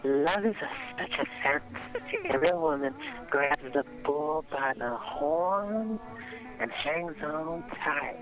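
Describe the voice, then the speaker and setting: A woman calls in to a comedic call-in show. She talks in a flirty, brassy, sassy way, in a slightly low voice. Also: very animated, takes it slowly, rough recording. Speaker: caller.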